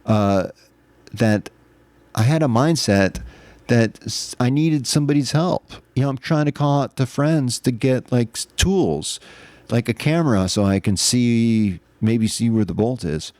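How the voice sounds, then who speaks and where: A man's voice: mid-range voice, measured pace, a little mellow, no room sound. A man hosting his own podcast, telling a personal story in a candid, earnest, self-reflective way in casual monologue. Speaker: podcast host.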